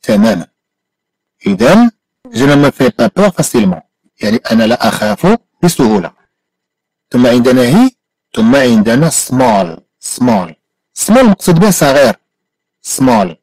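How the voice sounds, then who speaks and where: A man with a Moroccan Arabic accent teaching an English lesson, repeating each phrase slowly and carefully. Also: mid-range voice, sing-song, a little mellow, breathy edge, dry recording, poor audio. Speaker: language teacher.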